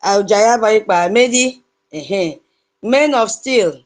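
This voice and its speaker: A woman with a Nigerian accent hosts a live online audio space, welcoming listeners one by one by name, some in her own dialect. Her medium-pitched voice is expressive, slow, sing-song and warm.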